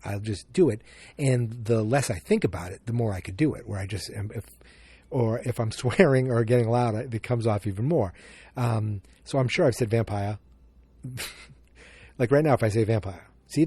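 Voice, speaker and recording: A Boston-accented man from Massachusetts hosts a solo podcast, rambling, restarting, and leaning on frequent fillers as he interrupts himself. His mid-range voice is warm and slightly rough, at a moderate pace, with no echo.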